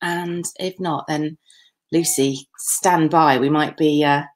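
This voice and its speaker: A woman's voice: sits low, fairly even intonation, takes it slowly. A woman, hosting an online festival from her home kitchen over a webcam, chatting casually with lots of fillers and jokes. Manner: chatty, jokey, frequent fillers and laughs. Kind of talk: casual live-stream chat. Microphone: laptop webcam video call.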